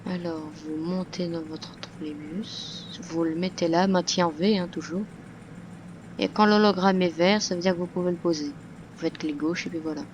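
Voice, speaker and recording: A woman's voice: fairly low pitch, steady tone, moderate pace, highs cut off, noisy background. A woman talking through a game tutorial in a casual voice-over, hesitant, with many fillers and restarts. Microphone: computer microphone.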